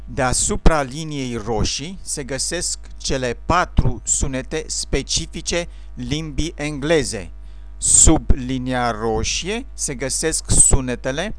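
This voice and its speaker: A man calmly teaching English pronunciation sounds, speaking slowly and carefully as in a scripted lesson. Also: medium pitch, clear, resonant tone. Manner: slow, careful, explanatory delivery. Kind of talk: scripted instructional narration.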